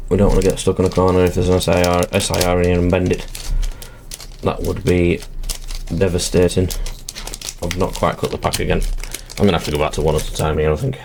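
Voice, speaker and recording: Deep-voiced guy narrating his card pack opening, chatty, talks through every step, faint hiss in the background. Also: little pitch movement, quick pace, gravelly, darkish tone. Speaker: channel host. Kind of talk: casual commentary while opening card packs.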